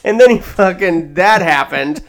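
Profane ranting man, slightly high voice. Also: lively intonation, unhurried, gravelly. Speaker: podcast co-host. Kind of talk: casual chat.

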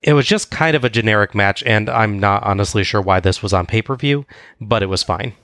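A man's voice: on the low side, brisk, fairly bright tone, dry recording. A man co-hosting a podcast, casually narrating a wrestling recap in a dry, wry way.

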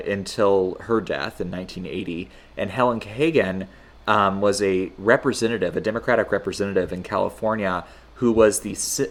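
A man with a fairly low voice hosts a podcast. He chats casually and rambles, often hesitating as he finds his way through a thought. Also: a bit bright. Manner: hesitant, rambling, filler-heavy. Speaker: podcast host. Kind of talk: casual film-history chat.

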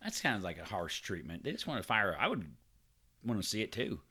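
Low-voiced man riffing on odd news. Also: sing-song, brisk, bright, forceful tone, husky. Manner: profane, joking, reads headlines aloud with asides. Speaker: podcast co-host. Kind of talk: casual chat, reading news stories.

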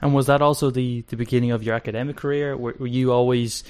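Male podcast host, mid-pitch voice, easygoing, asks questions with a light teasing touch. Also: fairly even intonation, quick pace, darkish tone, clean tone. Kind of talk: casual interview chat.

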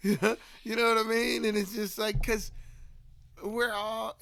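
A man co-hosting a casual book-club podcast, his accent Philadelphia's Delco, tells animated stories with casual swearing and lots of fillers. His high, gravelly voice is a little slow, and crowd noise is audible.

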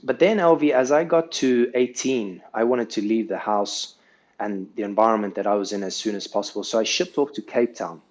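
Speaking briskly in a lowish voice over dull audio, a South African podcast guest recounts his life. He's casual and sincere, habitually closing his sentences with "right?".

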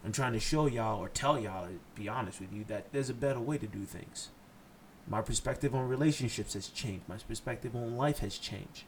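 Fairly quick and medium-pitched, this Haitian man lectures listeners on his solo podcast, bluntly, passionately, and with free cursing. A little hiss or hum runs underneath.

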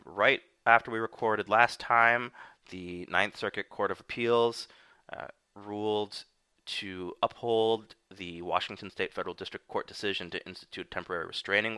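A man's voice: deep voice, bright, forceful tone, no echo. A man hosting a casual political podcast, recapping news with lots of fillers and restarts. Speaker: podcast host.

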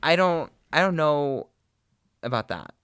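Guy podcasting, creaky vocal fry, camp and really animated, dry close sound. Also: on the high side, a little slow, no room sound. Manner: camp, effeminate way of talking. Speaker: podcast co-host. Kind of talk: casual chat.

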